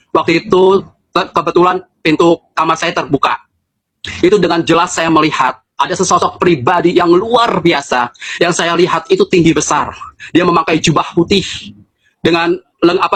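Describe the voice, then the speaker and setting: A man's voice: on the high side, a bit bright. A man telling his personal religious testimony in an earnest, conversational way, often turning to address his listeners directly. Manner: casual spoken fillers throughout.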